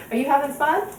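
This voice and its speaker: Bubbly giggly woman hosting a cooking show. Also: sits high. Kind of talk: home cooking demonstration. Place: home kitchen. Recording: echoey kitchen, distant mic, faint noise.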